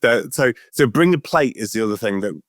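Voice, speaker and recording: A man's voice: mid-range voice, animated, brisk, no room sound, studio quality. A middle-aged man from Wales, a veterinary professor talking in a casual podcast interview, earnest and often repeating words as he thinks.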